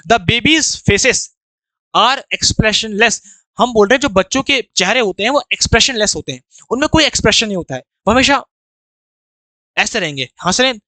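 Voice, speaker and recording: A man's voice: high-pitched, bright, forceful tone, dry recording. A man teaching a grammar lesson for exam preparation, reading each sentence out word by word and then explaining it. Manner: explains slowly, reads English sentences word by word then explains them. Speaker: English teacher.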